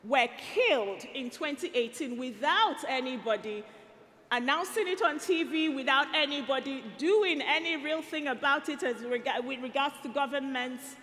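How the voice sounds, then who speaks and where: A Nigerian woman in her thirties gives a rousing speech to a youth rally from an arena stage, using a headset mic and building up to rallying shouts and call-and-response. Her voice is high-pitched at a moderate pace, and the arena hall adds long reverb.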